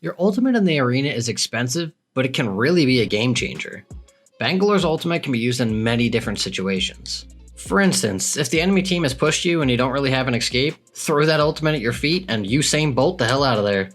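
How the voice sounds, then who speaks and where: A man's voice: mid-range voice, animated, fast, fairly bright tone. Upbeat man narrating a game guide over music. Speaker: co-host of a gaming channel.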